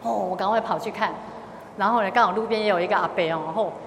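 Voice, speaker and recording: A woman's voice: medium pitch, fast, a bit bright, reverberant, long reverb tail, slight background noise. A middle-aged woman with a Taiwanese accent, a lay Buddhist speaker telling a gathering about her experiences and slipping into Hokkien phrases. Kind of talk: testimony talk to a gathering.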